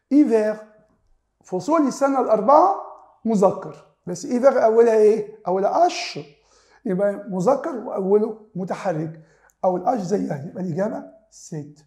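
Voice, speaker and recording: A man's voice: high-pitched, warm tone, roomy sound. A man with an Egyptian Arabic accent teaching a French lesson. He asks rhetorical questions, answers them himself and repeats the key words. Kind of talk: classroom explanation.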